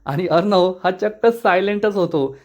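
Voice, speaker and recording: Male episode reviewer with a high voice, steady storytelling recap narration. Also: moderate pace. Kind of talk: retelling a TV episode.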